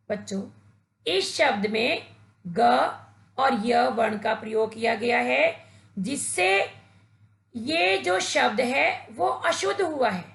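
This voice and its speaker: A woman's voice: high voice, gravelly, fairly bright tone, roomy sound. A woman teacher giving a patient, instructive grammar lesson to children, addressing them directly. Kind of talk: slow, deliberate Hindi grammar lesson for children.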